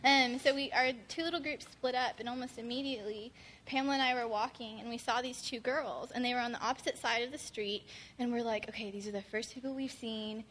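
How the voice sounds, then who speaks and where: High bright young woman telling a story. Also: fairly quick, slight background noise. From Texas. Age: young adult. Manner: animated storytelling with frequent laughter. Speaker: college student sharing a testimony. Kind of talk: casual testimony sharing.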